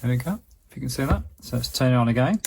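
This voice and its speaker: A man gives a casual, chatty product review, explaining and demonstrating as he goes. His creaky, gravelly voice is a little mellow and sits in an ordinary middle pitch, and he talks fast with lively intonation. Faint background noise runs underneath.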